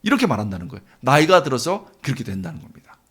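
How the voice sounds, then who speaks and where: A man's voice: medium pitch, big pitch swings, very fast, a bit bright, breathy edge. A man preaching a sermon in a church, earnest and asking the congregation rhetorical questions. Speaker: guest preacher.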